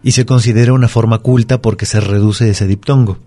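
Low-voiced man patiently explaining grammar. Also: brisk. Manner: calm, patient, explains rules step by step with examples. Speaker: language expert guest. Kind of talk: explanatory radio talk.

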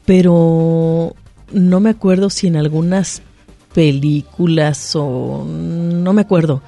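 A man hosting a casual talk segment, chatty and quick to agree. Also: fairly high pitch, steady tone, creaky, dark tone, dry recording, soft background music. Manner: chatty, agreeing with frequent backchannels. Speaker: host.

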